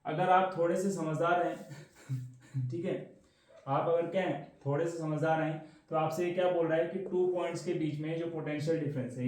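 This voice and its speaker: A man with a slightly high, mellow voice gives a casual science lesson for exam prep, standing at a board in a room. He's chatty and repeats students' questions back to them, and the recording is very echoey.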